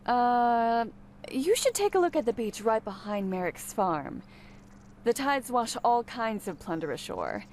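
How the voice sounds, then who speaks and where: A woman's voice: a little high, big pitch swings, unhurried, darkish tone. An actress playing a sardonic, world-weary townswoman in a fantasy video game, with a sarcastic delivery. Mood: irritated, helpful. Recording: faint background ambience noise.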